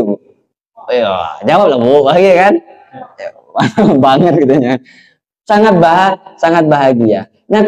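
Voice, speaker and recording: A man's voice: high-pitched, darkish tone, rough recording. A man preaching a sermon as a kyai, telling a story and often putting questions to the congregation.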